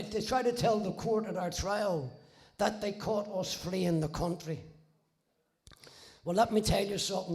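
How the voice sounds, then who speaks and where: A man in his sixties with a Northern Irish accent and a high-pitched voice full of gravel. He tells his own story in plain conversation, blunt and wry, and he swears freely as he goes. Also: a little mellow. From Belfast, Northern Ireland. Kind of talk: casual spoken storytelling.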